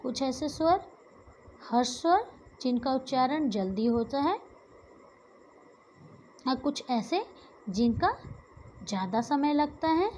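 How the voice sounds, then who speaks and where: A woman's voice: sits high, very animated, slow pace, long pauses, a little mellow, slight background noise, poor audio. A woman teacher giving a grammar lesson, asking questions and answering them herself and drawing out the example sounds.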